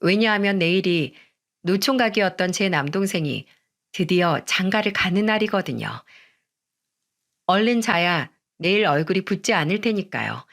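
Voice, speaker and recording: A woman in her thirties calmly narrating a listener's story in the first person, in a measured way. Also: fairly low pitch.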